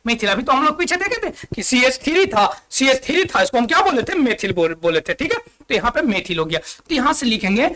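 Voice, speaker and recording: A man's voice: extremely high pitch, sing-song, a little fast, hardly any pauses, pushed and bright. Bihari-accented male teacher quizzing pupils. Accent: Bihari Hindi. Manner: repeats and asks questions back to pupils, counts aloud while writing. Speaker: school chemistry teacher. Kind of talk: classroom-style video lesson.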